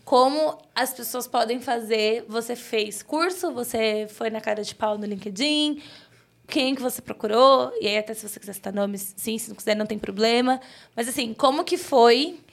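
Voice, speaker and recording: A woman leads the interview in a relaxed, conversational manner. She often tacks quick tag questions onto her sentences. Her voice sits a little higher than average. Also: gravelly. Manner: conversational, frequent "né?" tags. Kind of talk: casual interview talk.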